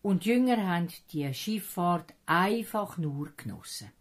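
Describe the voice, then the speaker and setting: Slow, expressive Swiss storyteller woman. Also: fairly low pitch. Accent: Swiss German. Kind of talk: children's Bible story narration.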